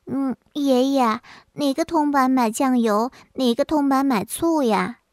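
Woman doing slow, dim little grandson, high and hesitant. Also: a little mellow, dry recording, studio quality. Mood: puzzled.

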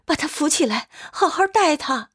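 A woman voicing a calm, firm young Englishwoman who speaks earnestly and with authority. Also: sits high, moderate pace, voice pushed up. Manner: earnest and commanding.

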